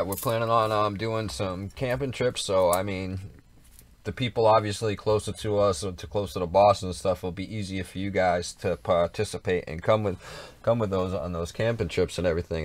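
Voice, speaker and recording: A man co-hosting a casual livestream, chatting in a rambling, repetitive way with plenty of swearing. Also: low voice. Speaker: livestream co-host.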